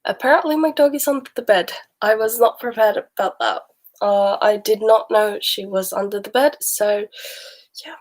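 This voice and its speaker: At a normal speed and in a mid-range voice, a young woman from Sweden chats with her stream viewers while ill, wandering between topics and laughing often. Her Swedish accent carries Texan, Australian and British traces, and the recording is low quality.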